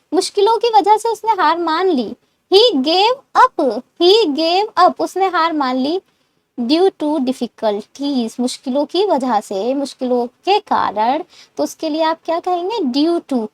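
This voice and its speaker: A woman teaching English words, explaining in Hindi and modelling slow English sentences for learners to repeat. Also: high voice, dry recording. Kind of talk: spoken English lesson.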